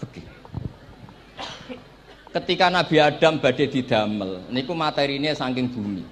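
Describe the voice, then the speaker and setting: A middle-aged man with a Javanese accent delivering a sermon at an easy medium pitch. He tells stories and acts out little dialogues, with joking asides. A faint hiss of noise sits under his voice. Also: expressive, a little slow. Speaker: Islamic preacher.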